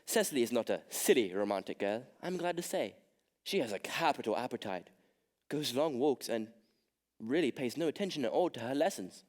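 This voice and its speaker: A young man plays a proper gentleman who is tired of everything, in a school stage comedy. His delivery stays dry and weary. His pitch swings widely from line to line. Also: animated, a little fast, natural voice. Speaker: stage actor in a school play.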